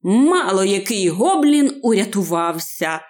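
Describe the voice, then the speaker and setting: A woman narrating a fairy-tale audiobook in a deliberate storytelling manner. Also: mid-range voice, sing-song, darkish tone.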